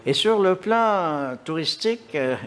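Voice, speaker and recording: Male interviewer, slightly higher voice, slow and halting, lots of ums. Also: lively intonation, a bit bright, clear, resonant tone. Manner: hesitant, many filler pauses. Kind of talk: casual interview.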